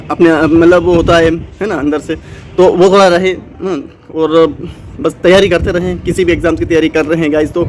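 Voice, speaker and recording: Fast-talking high-voiced man rambling. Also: darkish tone. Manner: rambling, many fillers and restarts. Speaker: motivational channel host. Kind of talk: unscripted motivational talk.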